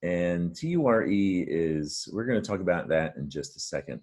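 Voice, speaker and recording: A man's voice: low-pitched, animated, normal speed, darkish tone. A man teaching a reading lesson, patient and encouraging as he explains words step by step. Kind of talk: friendly reading lesson to camera.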